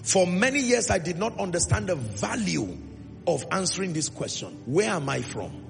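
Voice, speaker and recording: Emphatic Nigerian preacher, lively high voice. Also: male voice, vocal fry. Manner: emphatic, call-and-response, drawn-out phrases. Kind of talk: sermon. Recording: reverberant hall with music.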